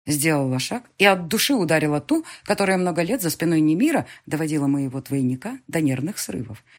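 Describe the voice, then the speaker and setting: Husky, lively woman narrator. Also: low-pitched, fairly quick. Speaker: audiobook narrator. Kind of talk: first-person scripted narration.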